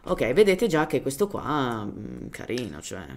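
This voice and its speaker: Here the German gaming tutorial host, whose first language is German, speaks at a measured pace with a gravelly, medium-pitched voice that swings hugely in pitch. A little hiss or hum sits under his casual game commentary. He's informal, searching for words in Italian while dropping in English terms.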